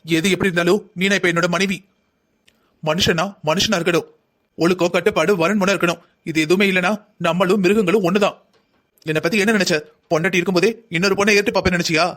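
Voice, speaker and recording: Man doing a stern young husband, high voice, quick talker, cartoon. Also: steady tone, fairly bright tone. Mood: indignant. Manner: stern, scolding. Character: young husband, indignant and upright. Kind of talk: cartoon voice acting.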